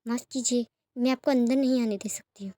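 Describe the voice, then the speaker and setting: A woman voicing a practical young woman who looks after others and scolds briskly, in a storybook reading. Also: on the high side, fairly even intonation, mellow, dry recording, lightly acted. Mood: polite.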